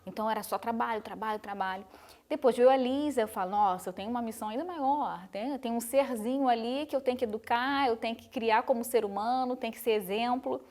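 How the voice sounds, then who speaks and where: Earnest Brazilian woman, fairly high voice. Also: a little fast, darkish tone. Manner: reflective, earnest storytelling. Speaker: guest, carnival designer. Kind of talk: interview conversation.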